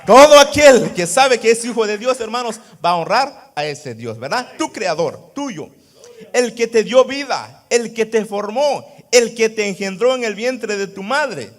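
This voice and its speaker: A male pastor preaching a sermon to his congregation, asking rhetorical questions, tagging phrases with a quick "right?", and breaking into loud shouts of praise. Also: high-pitched, animated. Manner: keeps adding "¿verdad?".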